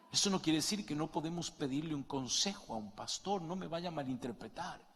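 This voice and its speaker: A middle-aged man preaching a sermon, moving between quiet asides and loud, passionate peaks as he calls his listeners brother. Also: a little high, slightly rough. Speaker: pastor. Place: church hall. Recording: long reverb of a large hall.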